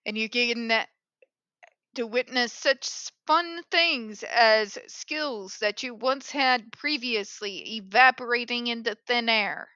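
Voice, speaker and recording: A woman's voice: on the high side, slow, pushed and bright, smooth, no room sound, muffled recording. A woman hosting an opinionated commentary show in a polished call-center phone voice, speaking in a blunt, sarcastic, emphatic way. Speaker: host of an advocacy commentary show.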